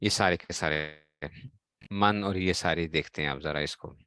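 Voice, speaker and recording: Male classroom teacher, Pakistani Urdu accent, low voice, question-and-answer delivery. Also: normal speed, sharp tone, clear, resonant tone, no room sound. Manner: explains in a question-and-answer style, quizzing students. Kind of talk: classroom grammar lesson.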